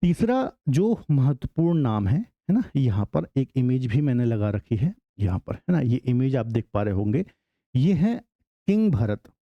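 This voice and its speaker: A man's voice: mid-range voice, very animated, unhurried, no echo, muffled recording. Man teaching with questions to the class. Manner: repeats questions to the class and answers them. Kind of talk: exam-prep geography lecture.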